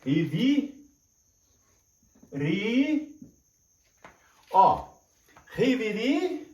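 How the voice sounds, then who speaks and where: Older male teacher, high and lively voice, slow repetitive lecturing; echoey room. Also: far from the mic. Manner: slow, repetitive, drawn-out explaining with frequent checks. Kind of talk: classroom lecture at a whiteboard.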